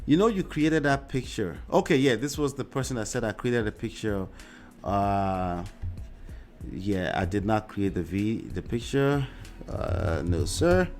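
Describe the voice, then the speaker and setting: With faint music playing behind him, a Nigerian livestream host whose first language is Yoruba goes through viewer comments in a Nigerian accent. His voice is fairly low and darkish, lively in intonation and measured in pace, with frequent "uh" and "right?" tags.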